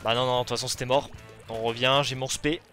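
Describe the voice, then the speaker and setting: Excitable gamer commentating live play. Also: male voice, medium pitch, fast talker, soft background music. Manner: excitable, shouts at plays then talks himself down. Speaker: gaming video host. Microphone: headset or desk mic.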